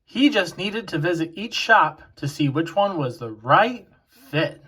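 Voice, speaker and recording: A man reading a children's picture book aloud in a deliberate storytelling way. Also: on the high side, animated, pushed and bright, breathy edge.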